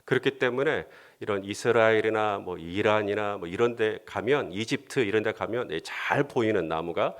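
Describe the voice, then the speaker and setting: A man's voice: lowish voice, moderate pace, hardly any pauses. A man pastor giving a conversational sermon, sometimes voicing heartfelt prayers with rising emotion and leading the congregation in reading scripture.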